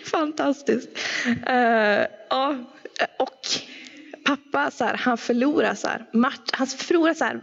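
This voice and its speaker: A woman's voice: a little high, vocal fry, a bit bright. A woman telling a personal story in a sermon, chatty, with many fillers and asides. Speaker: preacher. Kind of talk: anecdotal sermon. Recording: echoey hall, dull sound.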